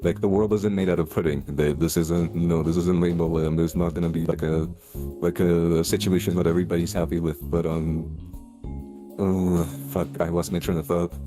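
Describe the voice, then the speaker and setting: A man's voice: low-pitched, flat delivery, moderate pace, music in the background. A man speaking through a voice changer in a voice-chat debate, rambling with many fillers and restarts.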